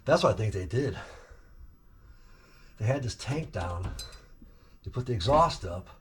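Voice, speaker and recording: A man's voice: lowish voice, expressive, unhurried. A man talks casually to his viewers while he works under a car. He is recorded off the camera with no mic on him. His garage is noisy, and tools click and clatter behind his voice. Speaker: car restoration vlogger. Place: home garage. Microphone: camera mic, no clip-on mic.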